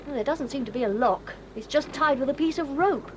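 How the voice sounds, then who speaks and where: A woman's voice: high-pitched, fairly quick, natural voice. A woman playing Julian, a sensible boy who leads the other children, earnest and bossy in a 1980s audio drama. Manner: earnest, bossy, takes charge. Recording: hissy old cassette tape.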